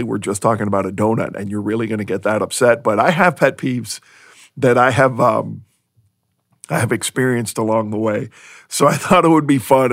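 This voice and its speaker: Male podcast host, mid-pitch, amused rambling monologue, dry booth sound. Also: no room sound. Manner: chatty, amused, rambling with restarts. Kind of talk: casual solo podcast monologue.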